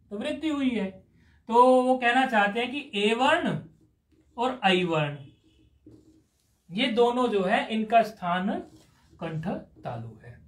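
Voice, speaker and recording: High-voiced man teaching Sanskrit grammar. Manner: patient, explains step by step, questions students. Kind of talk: live classroom lesson. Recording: roomy echoey room.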